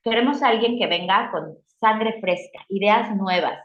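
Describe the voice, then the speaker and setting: A middle-aged woman with a Mexican accent tells her career story in a casual interview and acts out her own past reactions with lively voices. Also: mid-range voice, unhurried. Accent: Mexican Spanish. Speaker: guest. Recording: roomy, slightly dull sound.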